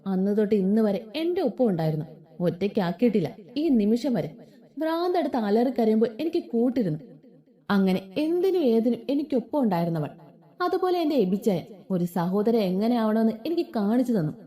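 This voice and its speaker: A woman voicing a wounded, defiant young wife who speaks with sharp scorn. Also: on the high side, lively intonation, brisk, lightly acted. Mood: tender.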